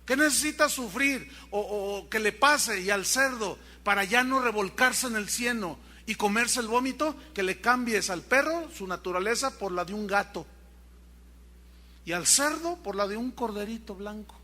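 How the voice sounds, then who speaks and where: A man's voice: sits high, animated, moderate pace, bright, forceful tone. A male pastor preaching a sermon, telling stories animatedly and addressing the congregation directly.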